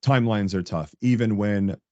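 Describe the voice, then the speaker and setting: A man as a guest on a podcast, chatting casually and telling animated stories, laughing often. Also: fairly low pitch, moderate pace, no echo, dull audio. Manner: animated storyteller, laughs often, acts out coworkers' lines. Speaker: podcast guest, tech director. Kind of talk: casual interview chat.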